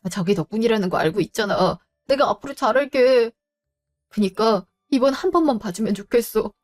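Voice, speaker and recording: Woman doing husband, begging, whiny, story drama, soft music behind. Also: on the high side, expressive, fairly quick, lightly acted. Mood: pleading. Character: pleading unfaithful husband, grown man.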